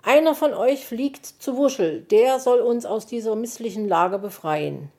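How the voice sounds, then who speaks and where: A fussy, jittery little gnome from a storybook, played by a woman. His voice is high and loud and sounds anxious. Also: a little slow. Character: small excitable male gnome.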